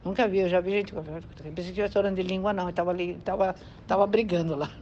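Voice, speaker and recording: A woman's voice: on the low side, fairly even intonation, quick pace, a little mellow. A Brazilian woman preaching to a congregation in a conversational way, often asking her listeners whether they agree. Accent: Brazilian Portuguese. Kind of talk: sermon teaching. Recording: dull lo-fi sound with faint background noise.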